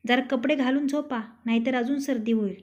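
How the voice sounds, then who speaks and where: A woman voicing a sharp-tongued, steady young wife in a storybook tale, speaking curtly and scolding. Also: sits high, fairly quick, lightly acted. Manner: curt, scolding. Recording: dull lo-fi recording.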